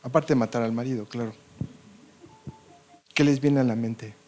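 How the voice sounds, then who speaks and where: Mexican guy doctor giving a talk, mid pitch, mellow dark voice, keeps saying ok? and sí o no?. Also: steady tone, moderate pace, soft background music. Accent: Mexican Spanish. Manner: conversational, checks in with frequent "ok?" and "¿sí o no?". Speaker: doctor lecturing on colposcopy. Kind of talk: medical lecture to an audience.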